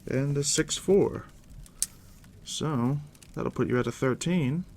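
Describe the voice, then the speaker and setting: In a gravelly voice over a noisy background, a man whispers deeply and softly in an ASMR roleplay, playing a game master who guides a new player. He takes his time, sounds reassuring, and speaks close to the listener as if addressing them directly.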